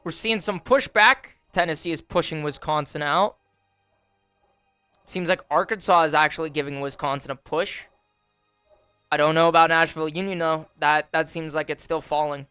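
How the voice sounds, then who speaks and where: A man's voice: on the high side, moderate pace, clean tone, dry recording. Young guy narrating a strategy sim, wry and chill, lotsa uhs, dry close mic w faint music behind. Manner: relaxed, wry commentary with frequent fillers. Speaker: gaming YouTuber. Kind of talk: casual gameplay commentary. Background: faint background music.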